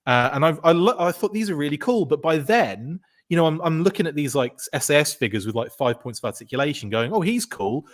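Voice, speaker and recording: A man's voice: a little high, animated, brisk, hardly any pauses. Rambling man, podcast guest. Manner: rambling, full of fillers and restarts. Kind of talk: casual chat.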